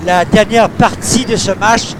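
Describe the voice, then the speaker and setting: A man's voice: high-pitched, steady tone, unhurried. A man with a Quebec French accent giving live golf-style play-by-play of mini-putt as a sports commentator, in a noisy older TV broadcast. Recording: clearly noisy early-1990s TV broadcast.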